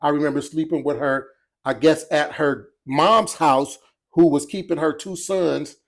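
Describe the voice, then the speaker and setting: A man's voice: fairly high pitch, fairly even intonation, measured pace. Laughing man telling a casual story. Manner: laughing storyteller, trailing off and restarting. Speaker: podcast guest. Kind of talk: casual chat.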